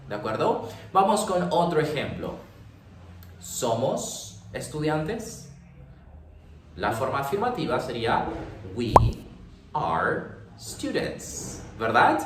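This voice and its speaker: A man teaching an English grammar lesson in Spanish with a Peruvian accent, explaining step by step and often checking in with the viewer. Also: medium pitch. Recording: echoey room, slightly distant, faint noise.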